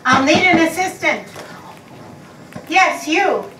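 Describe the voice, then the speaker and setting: A woman's voice: sits high, expressive, slow pace. An older woman acting a theatrical psychic medium in an amateur stage play, dramatic with gasps and exclamations. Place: community hall stage with live audience. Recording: echoey hall from far off, noisy.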